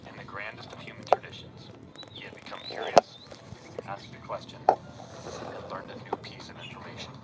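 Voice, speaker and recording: A man giving wry, measured scripted documentary narration. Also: deep voice, monotone, whispered. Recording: voice-over over loud music.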